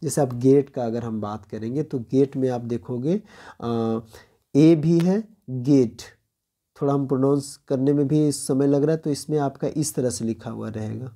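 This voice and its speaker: Speaking at medium pitch with a dark tone, an Indian man walks students step by step through phonetics for exam prep. He reads English lines slowly with an Indian accent and keeps asking "clear?" to check understanding.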